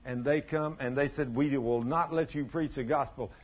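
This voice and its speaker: An older man preaching a sermon in a church, telling folksy stories and surging loud for emphasis, in a husky voice. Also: medium pitch, normal speed. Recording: dull lo-fi recording.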